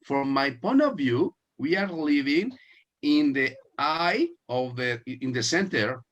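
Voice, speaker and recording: A man from Mexico, hosting an interview and talking in a halting way with many restarts. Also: fairly high pitch, highs cut off. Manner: halting, many restarts, lively laughing emphasis. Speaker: host. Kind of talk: casual video-call interview.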